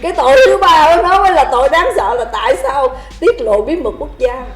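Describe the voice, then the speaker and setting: A woman telling drinking stories in a casual, animated chat, laughing often and calling out toasts. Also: high voice, brisk, reverberant, soft background music. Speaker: livestream host telling drinking stories to viewers.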